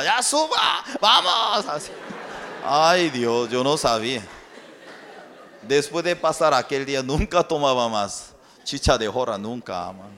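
A man preaching a sermon as pastor, telling stories and acting out voices in an animated way. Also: medium pitch, slight background noise. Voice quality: animated storytelling, acts out voices. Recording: long reverb in a hall.

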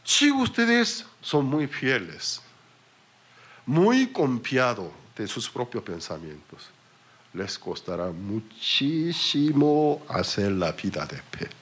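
A male pastor with a Korean accent delivers a sermon in a husky voice. His pitch rises and falls with energy, and his storytelling pokes fun at himself. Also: wildly swooping pitch, takes it slowly, a bit bright. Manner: storytelling, self-mocking, with small slips.

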